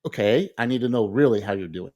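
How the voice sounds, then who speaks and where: A man's voice: on the low side, fast talker. A middle-aged man co-hosting a podcast, telling stories in a casual chat and acting out quoted dialogue. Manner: animated storytelling, acts out quoted dialogue. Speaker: podcast co-host.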